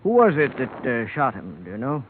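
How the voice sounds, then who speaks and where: An actor playing a calm, professional small-town doctor with a clinical, measured manner, in an old radio drama. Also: male voice, mid-range voice. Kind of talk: 1950s radio drama acting. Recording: tinny lo-fi old radio broadcast with hiss.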